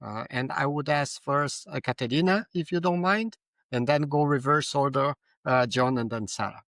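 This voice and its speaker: A man moderating a panel discussion, courteous and hesitant, with many pauses and restarts. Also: medium pitch, fairly bright tone, no echo.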